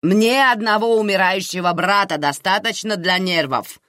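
A woman reader voicing a loud, fussy, doting middle-aged aunt who exclaims and fusses over everyone. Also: mid-range voice, normal speed, no room sound, clean studio sound, voice pushed up, close to an everyday voice. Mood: effusive fussing. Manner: effusive, exclaiming, fussing.

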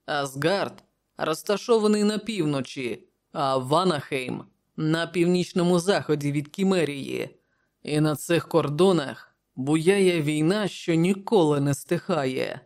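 A narrator reading an audiobook voices a brooding barbarian king from the north in a gruff, grim manner, close to the reader's own voice. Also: medium pitch, darkish tone, close to an everyday voice. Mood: recounting.

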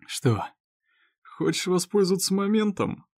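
A man voicing a drunk, weary, sarcastic man, hoarse and sluggish. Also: mid-range voice, expressive, unhurried, darkish tone, dry recording, studio quality. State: drunk, groaning.

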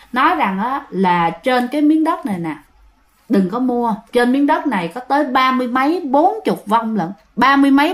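A woman with a Southern Vietnamese accent casually telling a ghost story, chatting straight to her listeners with lots of fillers. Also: a little high. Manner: chatty, addresses listeners directly, many fillers.

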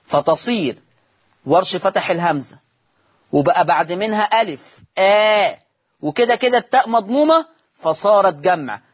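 A man's voice: a little high, slightly rough. A man with an Egyptian accent teaching Quran recitation on a broadcast lesson, drawing out recited words and quizzing his listeners. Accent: Egyptian Arabic.

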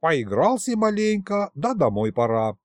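A sly, folksy old grandfather in his seventies who chatters in an old-fashioned way with a lively, lifted voice, as a man reads him in a storybook. The sound is dry and close. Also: on the high side, unhurried, no room sound.

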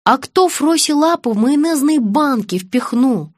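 Woman reader as a wry dry man, lively pitch, close dry sound. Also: moderate pace, dry recording.

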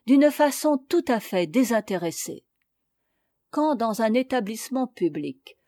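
Woman audiobook reader, fairly high, mellow voice, unhurried essay reading, dry close sound. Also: dry recording. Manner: measured, deliberate reading. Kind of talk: reading a classic essay aloud.

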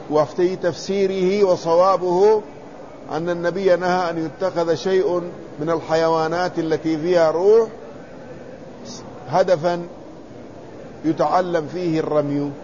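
High-voiced man reading hadith commentary. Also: darkish tone, lo-fi sound, slight background noise. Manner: measured, deliberate, spells out letters and vowels. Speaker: Islamic scholar teaching hadith commentary. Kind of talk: reading and explaining a classical text.

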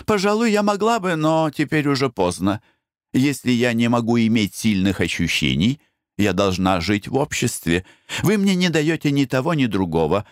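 A man's voice: medium pitch, sing-song, normal speed, no echo, clean studio sound, pitched above the performer's own voice, natural voice. A man voicing a spoiled, coquettish young woman who speaks in an arch, reproachful way.

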